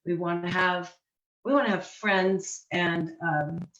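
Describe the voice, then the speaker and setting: Croaky woman coach on a video call. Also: lowish voice, fairly even intonation, slow, fairly bright tone. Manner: searching, repeats words as she thinks. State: hoarse, recovering from laryngitis. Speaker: mindset coach and hypnotherapist. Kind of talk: casual live-stream chat. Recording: echoey, dull video-call audio.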